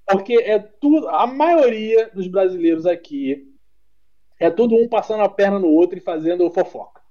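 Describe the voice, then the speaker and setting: With the highs cut off in the recording, this Brazilian podcast guest talks at a moderate pace in a high-sitting voice and Brazilian Portuguese accent. His casual chat is blunt, full of swearing and animated storytelling.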